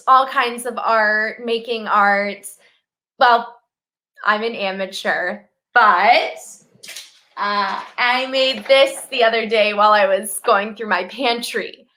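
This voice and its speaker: Woman acting a high, bright young contestant. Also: takes it slowly. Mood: earnest, wistful. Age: young adult. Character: chirpy, lonely young female game show contestant, increasingly frayed. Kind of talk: comic stage acting.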